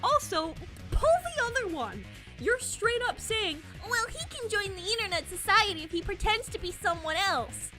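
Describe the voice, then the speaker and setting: This young woman is a video commentator reading scripted commentary, an emphatic, accusatory rebuke laced with swearing, with music playing behind her. She speaks at normal speed in a very high, expressive voice.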